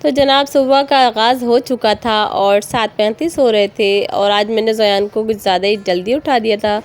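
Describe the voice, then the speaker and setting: A woman's voice: a little high, steady tone, moderate pace. A mother in her thirties with a Pakistani Urdu accent, narrating her family vlog in a friendly storytelling voice. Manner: friendly, storytelling, polite address to viewers. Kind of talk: voice-over narration. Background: soft acoustic guitar music.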